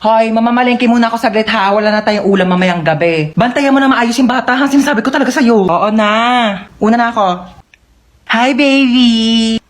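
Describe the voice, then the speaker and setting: A woman's voice: a little high, fast, slight background noise. A woman performing a comedy skit in which she plays several family members, switching between a bossy older sister and a scolding mother.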